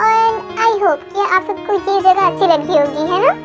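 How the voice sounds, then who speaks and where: A woman's voice: very high-pitched, a little slow, dull audio. A woman voicing a cheerful, friendly male college principal in a fan audio story. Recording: faint music underneath.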